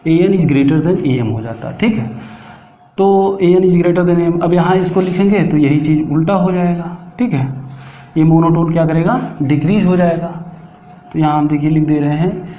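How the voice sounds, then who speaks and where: A man teaching a math lesson, explaining step by step and answering his own questions as he goes. He slows right down when he dictates formulas. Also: fairly high pitch, warm tone. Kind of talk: classroom lecture. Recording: echoey room, faint background noise.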